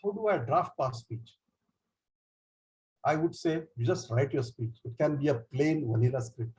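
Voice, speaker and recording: A man with an Indian English accent leads a speech training session, explaining in a lively way with frequent fillers and retelling jokes in small acted voices. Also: medium pitch, normal speed, low-quality recording. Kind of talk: online education session.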